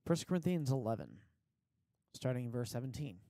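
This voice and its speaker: Male preacher, gravelly and relaxed, earnest informal sermon delivery, dry close sound from a basement setup. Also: mid-range voice, a little fast, no echo. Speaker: Bible teacher, preacher. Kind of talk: informal teaching sermon with scripture reading. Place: basement of a house.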